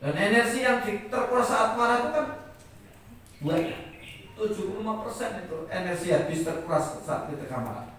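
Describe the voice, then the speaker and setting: A man's voice: sits high, normal speed. Javanese-accented man preaching in an echoey hall. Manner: lively, joking, laughs often, acts out quotes. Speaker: preacher and lecturer. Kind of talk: humorous sermon. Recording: echoey hall, distant mic, faint noise.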